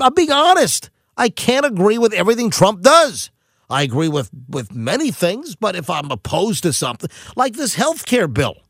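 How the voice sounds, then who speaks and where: A middle-aged man hosting a talk radio show, ranting in a quick, animated monologue full of asides and restarts. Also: high voice, dry recording, studio quality.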